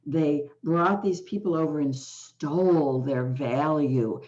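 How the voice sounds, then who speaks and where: A woman's voice: deep voice, darkish tone. A woman host from the United States in an interview conversation, speaking passionately and with strong emphasis. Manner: emphatic and passionate, slow and deliberate. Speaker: podcast host. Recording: dull lo-fi sound.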